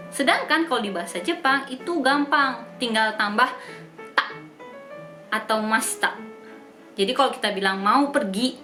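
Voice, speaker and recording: In an echoey room with background music, a young native Indonesian speaker cheerfully chats through a casual language explainer, spelling out words one letter at a time. Her voice runs on the high side, pushed and bright.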